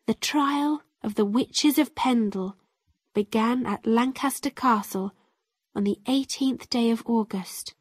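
A woman narrating an easy-level story in the first person, reading slowly and carefully. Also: on the high side, a little mellow, no echo, studio quality. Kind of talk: slow graded-reader story narration.

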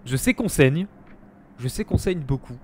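A man hosting a live let's-play, chatting to his viewers and reacting excitedly to the game. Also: medium pitch, a little slow, noisy background. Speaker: gaming streamer, host.

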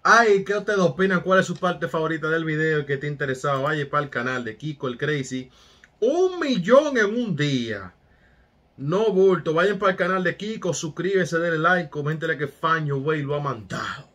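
Male reaction host, slightly high voice, excitable and chatty, keeps addressing his audience. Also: a little fast, few pauses. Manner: hyped, repeats street catchphrases, talks to viewers. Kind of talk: casual reaction commentary.

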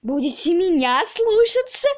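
A woman voicing a boastful, stubborn little boy who shouts indignantly in a storybook reading. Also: extremely high pitch, big pitch swings, measured pace, dry recording, clean studio sound, pitched above the performer's own voice, full character voice.

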